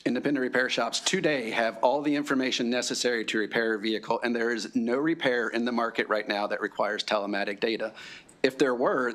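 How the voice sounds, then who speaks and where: A man of medium pitch responds to questions at a formal hearing. He speaks as an industry representative, explaining his position in an assertive way. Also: a bit bright. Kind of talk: formal spoken answers at a hearing.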